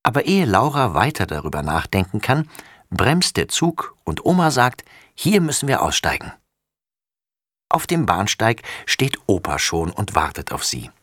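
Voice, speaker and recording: A man reading a children's storybook aloud in an expressive way. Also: lowish voice, moderate pace, no room sound, studio quality. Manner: expressive, lively. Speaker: narrator.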